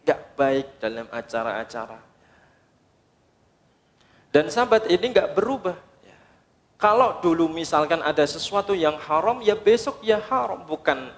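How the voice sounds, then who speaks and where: A man preaching to a congregation. His voice sits at an ordinary middle pitch but keeps jumping up for insistent emphasis. He talks in short phrases and caps many of them with a quick affirming word. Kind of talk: sermon.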